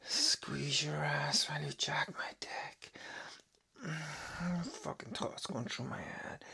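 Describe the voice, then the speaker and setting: A man murmuring close and slow, mostly in a breathy whisper, his lingering phrases slipping into a gravelly fry. Under the husky air the tone stays sharp and bright. It is an unhurried, intimate monologue. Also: fairly high pitch.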